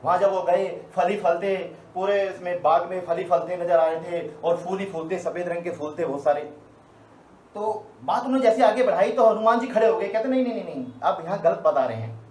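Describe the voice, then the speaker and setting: Guy doing a live motivational team training, kinda high voice, echoey room with faint background hum. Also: fairly even intonation, normal speed, darkish tone. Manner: storytelling, rhetorical questions, emphatic.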